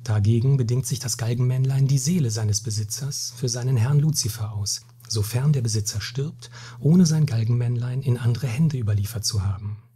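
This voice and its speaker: A man voicing a weary, hot-tempered Spanish captain in a read-aloud story, solemn and weighty, with a very breathy, husky voice. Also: mid-range voice, moderate pace, few pauses, dark tone, natural voice. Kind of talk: storybook reading.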